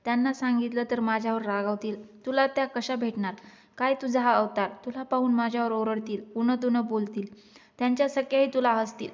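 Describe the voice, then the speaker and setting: A woman's voice: fairly high pitch, steady tone, a little fast, lo-fi sound, lightly acted. A woman voicing a cautious, polite young palace maid in a storybook tale, questioning and pleading.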